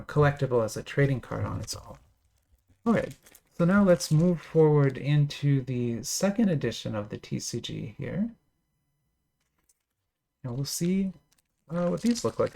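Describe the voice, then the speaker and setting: Man, gravelly voice, middle pitch, casual unboxing chatter, enthusiastic, chatty with fillers. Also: darkish tone. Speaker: card collector opening packs.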